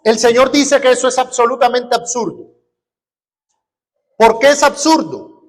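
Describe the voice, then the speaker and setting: Male Colombian pastor, high-pitched teaching voice, sermon in a reverberant church hall. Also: unhurried. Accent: Colombian Spanish. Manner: teaching with rhetorical questions and examples. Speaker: preacher. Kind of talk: expository sermon.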